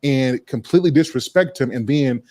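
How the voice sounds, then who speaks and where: A man's voice: mid-range voice, moderate pace, dark tone. A man hosting a relationship talk show, laying down firm advice and repeating key points for emphasis. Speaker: host.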